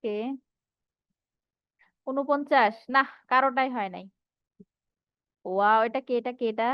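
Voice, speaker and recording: A high-voiced woman teacher with a Bangladeshi Bengali accent leads an online lesson, often putting questions to her students. Her voice is dry and close, a little muffled and lo-fi. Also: measured pace, no room sound. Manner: reads out students' answers and asks rhetorical questions. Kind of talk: online class lecture.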